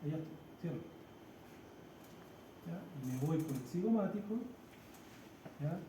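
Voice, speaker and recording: Male instructor, walks students through a practical demo step by step, slightly high voice, recorded in an echoey room. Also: expressive, a little slow. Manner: explains step by step, often checks with "¿ya?". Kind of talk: hands-on practical class demonstration. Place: practice room with a treatment table. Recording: echoey room with loud background noise.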